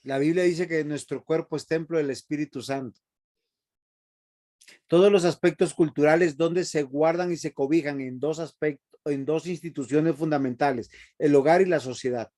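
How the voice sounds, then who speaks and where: A man's voice: on the high side, moderate pace, warm tone. Emphatic man teaching Bible. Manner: emphatic, asks the class rhetorical questions. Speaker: seminary teacher and pastor. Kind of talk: bible class lecture.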